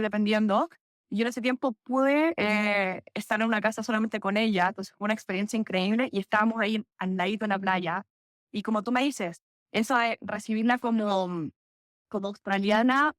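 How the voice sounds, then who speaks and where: In a clean, echo-free studio recording, a young Chilean woman with a fairly high voice tells stories as a podcast guest. She's a physiotherapist with a Chilean Spanish accent, and her chat is lively, full of laughter and self-corrections.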